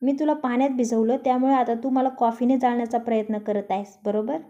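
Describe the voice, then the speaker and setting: A woman's voice: on the high side, fairly even intonation, brisk, dark tone, dull audio, lightly acted. A woman voicing a short-tempered young man who teases and snaps sarcastically, read in a storybook style. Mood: irritated sarcastic. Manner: taunting, sarcastic. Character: young man, grumpy, teasing, quick to snap.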